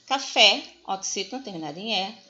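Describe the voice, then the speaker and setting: A woman's voice: mid-range voice, moderate pace, pushed and bright, dull audio. A woman teaching a grammar lesson, speaking directly to her students and stressing each example word.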